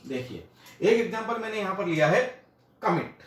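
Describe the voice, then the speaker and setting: A man's voice: high voice, sing-song, moderate pace, reverberant. A male teacher explaining grammar at a classroom board. He repeats each point, asks questions and answers them himself, and mixes Hindi with phrases.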